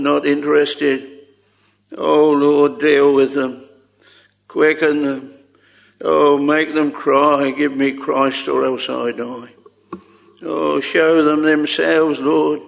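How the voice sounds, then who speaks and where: A man with a fairly high voice and vocal fry leads an extempore public prayer, pleading earnestly with old-fashioned thee and thou wording. He uses short, repeated phrases whose endings trail off softly.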